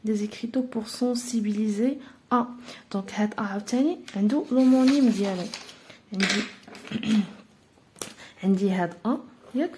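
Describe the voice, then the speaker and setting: A woman with a Moroccan Arabic accent teaching a French grammar lesson, explaining step by step with patient pauses and fillers. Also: medium pitch, background noise.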